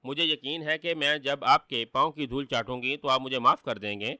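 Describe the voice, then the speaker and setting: A man's voice: mid-range voice, steady tone, bright, forceful tone, no room sound, clean studio sound. A man doing a grovelling sorceress queen. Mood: pleading. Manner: pleading, grovelling.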